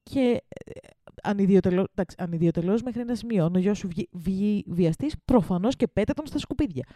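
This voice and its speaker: An outspoken, fiery woman co-hosting a casual podcast, who swears freely. Her voice is mellow and warm. It is recorded close and dry, with almost no room sound. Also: medium pitch, expressive, no echo. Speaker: podcast co-host.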